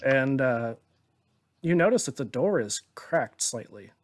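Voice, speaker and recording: A man running a tabletop game as game master, narrating scenes in a relaxed, descriptive way and chuckling often. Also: mid-range voice, a little slow.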